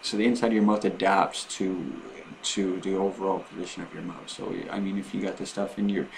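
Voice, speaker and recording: A man talking casually and unscripted to his vlog viewers, in a halting, rambling way with repeated and restarted phrases. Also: deep voice, steady tone, creaky, a little hiss or hum. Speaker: vlogger documenting his own surgery preparation.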